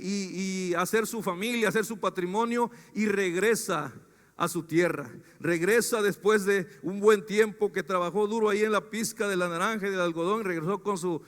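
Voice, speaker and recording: A man pastor preaching a sermon, retelling a Bible story with humor and building from soft to loud. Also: high voice, big-room sound.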